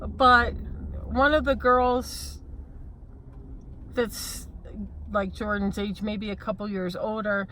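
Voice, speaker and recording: A middle-aged woman chatting casually on a vlog in an unhurried, relaxed way. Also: mid-range voice, slight background noise. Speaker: vlog co-host. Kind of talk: casual chat.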